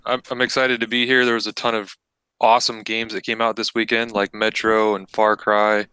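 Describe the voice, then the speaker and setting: A man's voice: fairly low pitch, level tone, moderate pace, bright, forceful tone, clear, resonant tone, dry recording, rough recording. A man on a gaming podcast panel, telling an easygoing story and laughing at it. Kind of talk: casual storytelling chat.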